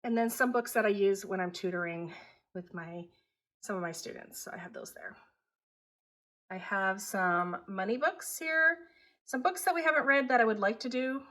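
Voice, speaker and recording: A middle-aged woman who grew up in Taiwan, a homeschooling mother casually chatting as she shows her home. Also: medium pitch. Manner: relaxed, chatty, matter-of-fact. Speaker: homeschooling mother and channel host. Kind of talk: casual home tour vlog. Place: at home, indoors.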